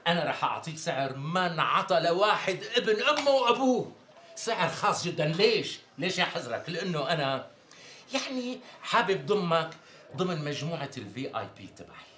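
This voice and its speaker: A wheedling Damascene tailor in a TV sketch comedy. His patter runs quick and lively, climbing high and dropping low as he flatters and stalls, his voice sitting a little above a typical man's. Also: slight background noise. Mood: sweet-talking. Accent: Damascene Arabic. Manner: wheedling, evasive, chuckling salesman patter. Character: smooth-talking flattering middle-aged male tailor.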